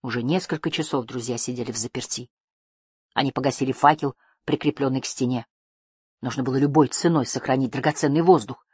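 A woman narrating a fantasy audiobook in a calm, steady way. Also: a bass voice, a little fast, slightly rough, no echo, clean studio sound.

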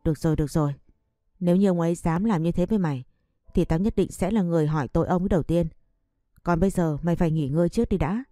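A woman's voice: lowish voice, fast talker, warm tone, no echo, clean studio sound, close to an everyday voice. A woman voicing a young female friend who is worried and protective, speaking urgently in an audiobook story. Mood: pleading. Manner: urgent, pleading. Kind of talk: audiobook narration.

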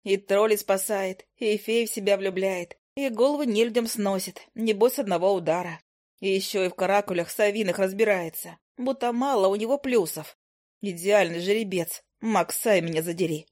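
A woman narrates a first-person fantasy story with lively, exasperated energy. Her voice sits at a middling pitch and moves freely. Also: moderate pace. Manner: lively, indignant heroine voice. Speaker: audiobook narrator.

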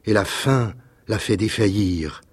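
Male actor, storybook narration, lowish voice, measured and expressive. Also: husky. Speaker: actor reading a tale. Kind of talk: storybook reading.

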